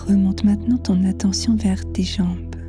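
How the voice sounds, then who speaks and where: A woman leading a guided meditation in a soft, half-whispered, soothing voice with long pauses. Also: medium pitch, fairly even intonation. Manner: slow, hushed, soothing delivery with long pauses. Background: new-age music.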